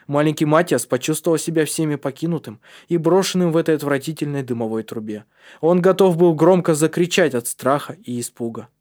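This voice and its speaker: Man, audiobook narrator, steady measured reading, middle pitch.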